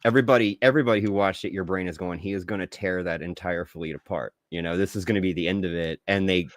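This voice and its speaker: A man playing an easygoing young Spider-Man superhero, chatting casually and a little haltingly as a podcast guest reviewing a film. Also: deep voice, steady tone, no room sound, clean studio sound, natural voice. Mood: enthusiastic.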